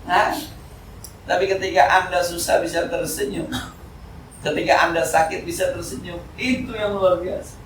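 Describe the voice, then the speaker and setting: A man with a Jakarta Betawi accent giving an informal, joking sermon at a mosque study session, swinging between loud and soft. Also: sits high, fairly even intonation, moderate pace, slight background noise. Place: mosque hall. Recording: echoey hall, speaker far from mic.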